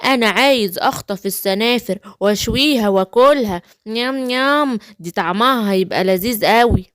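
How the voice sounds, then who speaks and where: Egyptian mom putting on a gruff greedy sorcerer guy, low voice, dry close sound. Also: a little fast, a bit bright, dry recording, lightly acted. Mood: scheming. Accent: Egyptian Arabic. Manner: greedy, gloating. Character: scheming greedy male sorcerer who wants to eat smurfs. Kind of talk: home-made children's story play.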